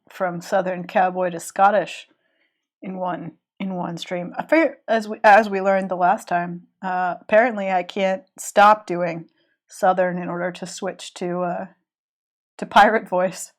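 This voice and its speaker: A woman's voice: fairly low pitch, level tone, measured pace. A woman with a cold, chatting casually and rambling with restarts while she draws on a live stream. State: has a cold. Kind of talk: casual chat while drawing.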